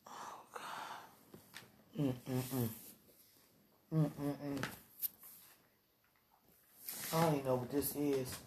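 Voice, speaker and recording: A woman leaving an intimate voice message from her bed, sighing and slipping between low murmurs and whispers, with her phone right at her mouth. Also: fairly even intonation, extremely slow, pauses often, mellow, slight background noise. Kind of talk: intimate late-night voice message. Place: lying in bed at home. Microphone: phone held right at the mouth.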